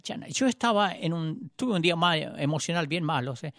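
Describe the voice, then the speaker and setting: A male preacher telling a personal story in a sermon, moving between raised, urgent passages and hushed, quiet ones. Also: on the high side, lively intonation, a little fast, no room sound, clean studio sound. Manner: dramatic storytelling, swings between loud and hushed.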